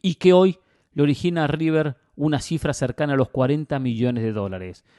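A man's voice: fairly high pitch, a little fast, warm tone, no echo, studio quality. A man giving opinionated football commentary as a host, emphatic and fond of rhetorical questions and repetition.

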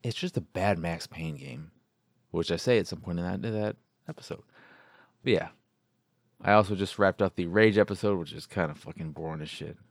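Going solo on his podcast, a man reviews games in a loose, rambling style, circling back to put his points another way. He speaks briskly in a low, creaky voice, captured with clean studio sound and no room noise.

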